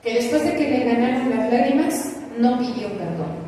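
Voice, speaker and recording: A woman preaching a measured, emphatic sermon and putting questions to her congregation. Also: on the high side, animated, warm tone, a little hiss or hum. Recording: echoey hall recorded from a distance.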